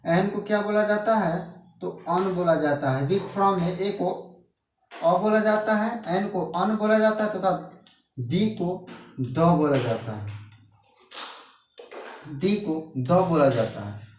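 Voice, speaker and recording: Male teacher, fairly high voice, patient and repetitive explainer, echoey room, set back from the mic. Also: distant mic, slight background noise. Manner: slow, repetitive, asks rhetorical questions and answers them. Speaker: English grammar teacher. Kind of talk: classroom-style Hindi grammar lesson.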